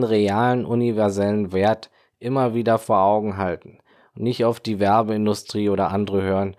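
Calm, earnest German podcast man, low voice. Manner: calm, earnest, affirming, speaks in long lists. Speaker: podcast host and life coach. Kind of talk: scripted motivational podcast monologue.

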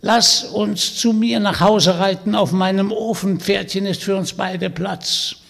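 A man voicing a cackling, fawning old witch in a fairy tale, with a croaking voice. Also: high-pitched, fairly even intonation, measured pace, pitched above the performer's own voice. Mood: gleeful. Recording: long hall reverb.

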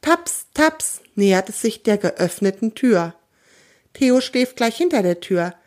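Frau liest eine Kindergeschichte vor. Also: female voice, fairly high pitch, expressive, takes it slowly, darkish tone. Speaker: storyteller. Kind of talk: reading a children's story aloud.

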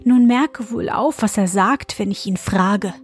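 A woman voicing a kind but brisk young wife in an ogre's house, urgent and bossy. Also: mid-range voice, faint music behind, close to an everyday voice. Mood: coaxing.

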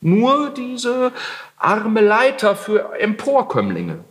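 A man's voice: high-pitched, huge pitch swings, takes it slowly, fairly bright tone, voice pushed up, full character voice. A man reading aloud and voicing a young male tenant who answers his landlord with exaggerated, ironic courtesy. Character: young male tenant, politely mocking, evasive. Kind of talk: literary reading.

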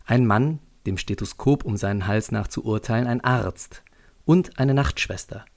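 A man's voice: fairly low pitch, moderate pace, darkish tone. A man narrating a scripted story on a school podcast in a dry, lightly ironic way.

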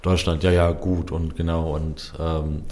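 A man talking in a relaxed, reflective way about his travels, often pausing with hesitations. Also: very deep voice. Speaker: guest, traveler. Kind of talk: casual conversation.

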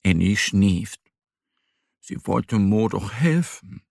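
A man gently and expressively reading a children's story aloud. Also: lowish voice, lively intonation, slow, creaky, no echo, clean studio sound. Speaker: narrator.

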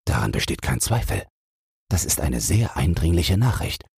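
A man reading as Sherlock Holmes, deep and husky. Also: big pitch swings, a little mellow, no room sound, clean studio sound, exaggerated voice. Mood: calm. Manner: measured, reasoning aloud. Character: Sherlock Holmes, keen analytical male detective. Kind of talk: audiobook read for sleep.

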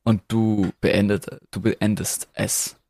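A man's voice: on the low side, level tone, takes it slowly, gravelly, darkish tone, no room sound. A young man co-hosting a casual podcast, teasing his friend in playful slang. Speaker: podcast co-host. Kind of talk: casual chat.

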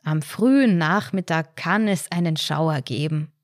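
A woman's voice: low voice, a little slow, no room sound. A woman doing a placid old Viennese husband. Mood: unbothered. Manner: placid, dry, unbothered. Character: calm, unflappable elderly husband.

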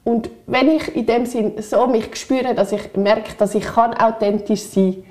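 Bright-pitched Swiss woman musing aloud. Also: steady tone, a little slow. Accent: Swiss German. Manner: candid, thinks aloud in long strings of clauses. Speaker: podcast co-host. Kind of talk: reflective casual chat.

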